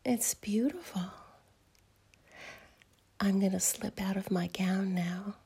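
A woman whispers as a doting, teasing adult fairy in an audio roleplay, her breath soft and her pace slow and coaxing. Pitched in the middle, the performance is heavily acted.

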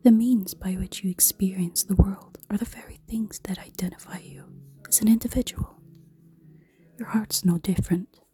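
Whispering slowly in a soft, breathy tone of medium pitch, a woman voices a female succubus for an erotic audio roleplay. She sounds alluring yet threatening, teasing her listener while giving commands.

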